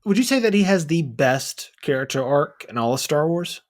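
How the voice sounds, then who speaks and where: A man's voice: a little high, expressive, moderate pace. A man co-hosting a movie podcast in casual chat, rambling and playful with many fillers. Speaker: podcast co-host.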